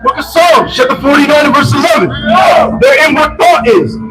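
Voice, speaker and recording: A man reading scripture aloud in a shouted, declaiming way. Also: very high voice, moderate pace, over a noisy crowd, rough recording. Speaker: scripture reader.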